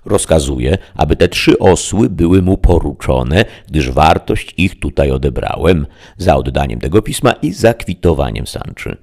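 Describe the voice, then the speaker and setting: A man's voice: a bass voice, very animated, moderate pace, vocal fry, few pauses, darkish tone, exaggerated voice. A man voicing a lofty, solemn old knight in a stately, declamatory manner, reading an audiobook.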